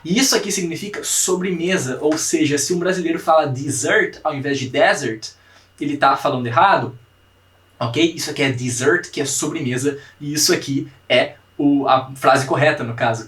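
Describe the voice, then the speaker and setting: A young Brazilian language teacher, his voice a little high for a man and a bit bright, leads an online class lecture. He drills pronunciation by slowly repeating practice words and keeps checking in with "tá, gente?" to see if students follow. The mic is distant, so the sound is roomy and echoey.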